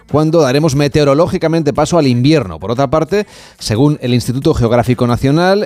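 A man's voice: medium pitch, darkish tone. Man hosting a radio travel show. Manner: clear, measured announcer delivery. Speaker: radio host. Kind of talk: radio magazine presenting.

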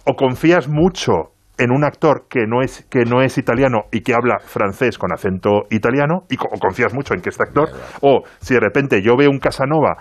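A man's voice: medium pitch, fairly quick. A man with a Spanish accent debating on a radio panel, pushing his point with many repeats and restarts. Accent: Spain Spanish. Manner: repeats words, frequent restarts. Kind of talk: heated roundtable debate.

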